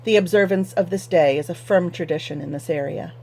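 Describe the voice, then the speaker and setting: A woman voicing a stubborn, pious farmer who speaks firmly and flatly in courtly old-fashioned words. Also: lowish voice, fairly quick, slight background noise, natural voice. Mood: firm courteous. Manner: firm, flat, stubborn. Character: stubborn, pious middle-aged male farmer.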